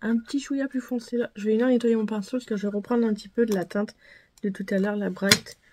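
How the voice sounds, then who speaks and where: A woman's voice: mid-range voice, steady tone, fast talker, a little hiss or hum. A woman vlogger chatting casually through a makeup tutorial, self-deprecating and full of fillers and repeated words. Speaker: beauty vlogger.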